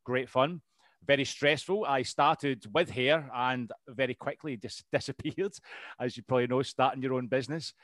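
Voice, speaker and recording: A Scottish RAF veteran in his thirties appears as a podcast guest in a casual interview chat, rambling easily with plenty of ums and restarts and laughing readily. His voice is at an everyday middle pitch, a bit bright, at a moderate pace. The sound is close and dry, without room echo.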